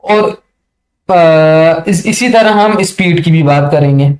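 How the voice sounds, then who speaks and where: A man teaching a networking lesson over a screen share, chatty and often checking that listeners follow, reading English passages slowly and haltingly. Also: fairly high pitch, darkish tone. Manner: chatty, keeps checking understanding. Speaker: networking tutor.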